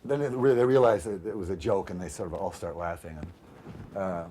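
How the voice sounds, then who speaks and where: A man's voice: deep voice, moderate pace, warm tone, slightly rough. A man telling anecdotes in a casual interview, meandering with lots of ums and restarts.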